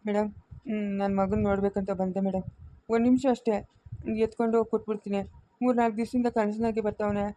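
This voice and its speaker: A woman's voice: medium pitch, little pitch movement, fast talker, dark tone, close to an everyday voice. A woman acting a desperate estranged father who begs to hold his baby son, deferential and pleading, with a Chikkaballapur Kannada accent, in an amateur family drama. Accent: Kannada of Chikkaballapur area. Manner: pleading, deferential, keeps saying madam.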